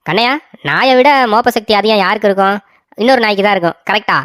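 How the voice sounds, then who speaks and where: A woman's voice: medium pitch, quick pace, fairly bright tone, dry recording, natural voice. A woman voicing a proud old village man in a cartoon story, boastful and whiny, who keeps repeating himself.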